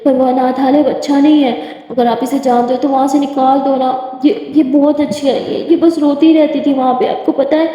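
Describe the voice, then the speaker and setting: Woman doing a little orphan girl, childlike and stammering, high and soft-toned, echoey lo-fi room. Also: fairly even intonation, natural voice. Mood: timid, earnest. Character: small orphan girl, timid and chatty. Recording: echoey room, dull lo-fi sound.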